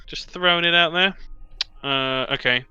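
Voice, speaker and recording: A man's voice: on the high side, unhurried, pushed and bright, smooth, dry recording, highs cut off. A man playing a tabletop game, chatting casually in a sweary, jokey way. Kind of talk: casual chat.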